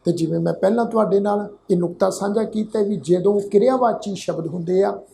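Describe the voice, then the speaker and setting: Male scripture pronunciation teacher, gravelly voice, spells out letters and marks and models each word slowly; faint noise behind. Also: high voice, dark tone. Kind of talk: slow line-by-line scripture pronunciation lesson.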